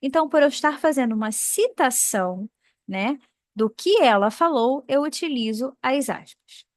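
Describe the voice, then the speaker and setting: A woman teaching English punctuation to Portuguese speakers, drawing out each example word slowly and carefully. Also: high-pitched, lively intonation, dry recording, clean studio sound. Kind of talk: explaining English punctuation in a lesson.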